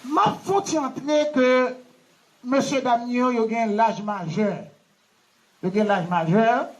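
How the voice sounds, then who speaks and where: Man, Haitian accent, very high voice, pastor, wedding sermon, call-and-response, teacherly questions. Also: takes it slowly, low-quality recording. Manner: call-and-response, asks the congregation to follow and repeat.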